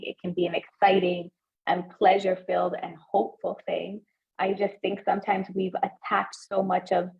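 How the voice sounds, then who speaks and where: A woman's voice: mid-range voice, vocal fry, muffled recording. A woman co-hosting a podcast, talking in a thoughtful, meandering way with many fillers and restarts. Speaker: podcast co-host. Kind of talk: reflective casual chat.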